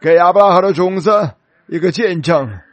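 Guy preaching, high voice, tells the story big and slows way down on key bits. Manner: dramatic storytelling, slows for emphasis. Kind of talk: sermon.

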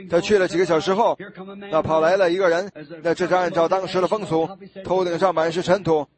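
A male preacher with a high voice delivers a sermon. He retells a scripture story vividly and acts out its scenes along the way. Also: flat delivery, fast, crowd noise.

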